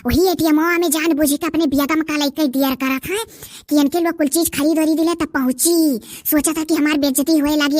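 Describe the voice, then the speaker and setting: This is a woman doing a cartoon dub, playing a loud, quarrelsome adult villager who bargains and complains over prices. Her rustic accent is Awadhi, from eastern Uttar Pradesh, and her voice sits high while staying close to an everyday speaking voice, recorded dry at studio quality.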